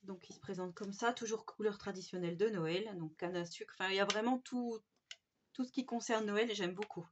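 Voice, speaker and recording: A chatty French woman, a craft vlogger, gushes over craft cards in a casual haul show-and-tell, full of fillers and little exclamations. Her mid-range voice moves fairly quickly, captured in a slightly dull home recording with background noise.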